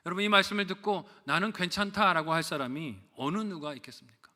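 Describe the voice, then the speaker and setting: Brief: middle-aged male pastor, bright raised voice, church sermon with long reverb, storytelling with rhetorical questions. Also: fairly high pitch. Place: church sanctuary.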